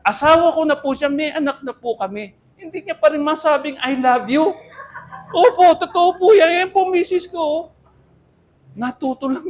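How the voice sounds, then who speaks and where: Man, older, Filipino accent, pastor, sermon, high-pitched, earnest. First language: Tagalog. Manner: earnest preaching, swings from loud to soft.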